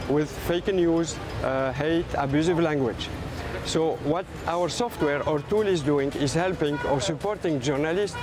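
Higher-pitched Tunisian-accented man. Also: background noise. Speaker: startup co-founder. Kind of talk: interview answers.

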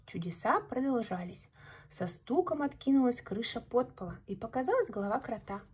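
A woman reading a bedtime fairy tale aloud in an expressive, gentle storytelling manner. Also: fairly high pitch, moderate pace, husky.

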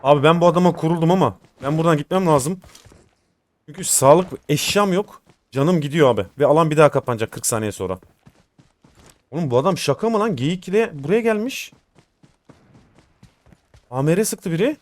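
A man's voice: a little high, expressive, a little fast, pauses often, a little mellow. A young man giving live gameplay commentary as a gaming host, informal and slangy, talking to his viewers as friends.

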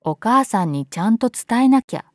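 A woman's voice: a little high, animated, normal speed, no echo, studio quality, voice pushed up. A woman voicing an earnest, obedient young schoolgirl in an acted story reading. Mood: earnest, eager.

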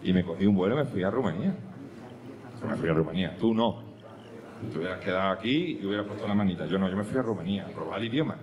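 Man doing animated stand-up. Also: low-pitched, racing, dull audio, a crowd in the background. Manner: animated storytelling, swings between hushed asides and loud punchlines. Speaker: stand-up comedian. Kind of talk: stand-up comedy monologue. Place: comedy club stage with audience. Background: audience laughter.

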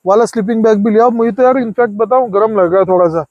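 A man's voice: high voice, fast, a little mellow, highs cut off. A man in his forties chatting casually to viewers and friends while camping outdoors by a river in a forest, recorded close on a handheld phone. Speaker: vlogger. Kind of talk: casual camping vlog narration. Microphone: phone camera held close.

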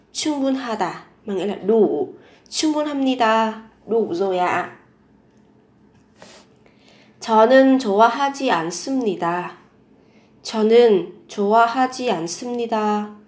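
A woman teaching a language lesson. She says each phrase several times, slowly and clearly, and then explains it. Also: a little high, a little mellow, roomy sound.

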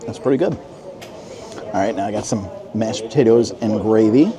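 This travel and food vlogger, a man in his forties, has a fairly low voice and a moderate pace, with a crowd audible behind him. He records a casual vlog on a handheld phone at arm's length, upbeat and chatty as he describes his surroundings to viewers. The scene shifts from outside a restaurant at night to inside a diner.

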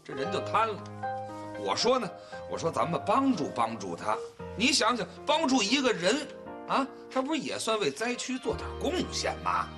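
A man's voice: sits high, huge pitch swings, moderate pace. An actor playing a meek older husband who patiently explains and pleads with his wife. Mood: explaining. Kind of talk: TV sitcom acting. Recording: TV drama with background music. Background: background music.

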